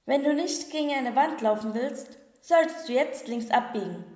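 A woman's voice: high voice, normal speed, darkish tone, lightly acted. A woman voicing a cheeky little male gargoyle demon in an audiobook, talking in a mocking, gossipy way. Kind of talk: audiobook reading. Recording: echoey room with long reverb.

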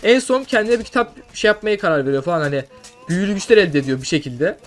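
Young male gamer, high voice, quick rambling delivery, faint music underneath; casual game commentary. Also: animated. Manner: rambling, then loud swearing outbursts. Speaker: gameplay streamer. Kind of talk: casual gameplay commentary with mock lore.

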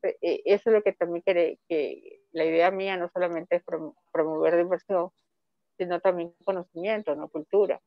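A woman's voice: lowish voice, steady tone, moderate pace, no room sound, lo-fi sound. A woman from Ecuador, a comic author, presenting her books in a rambling, chatty way with many restarts over call audio. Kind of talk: online book fair presentation.

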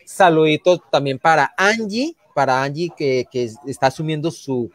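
Speaking casually on a live online panel show, a man from Barrancabermeja with a Santander Colombian Spanish accent talks at a moderate pace in a fairly high voice. He rambles, repeats and restarts words, and turns animated and indignant while making his case. The audio is dry, with no room echo.

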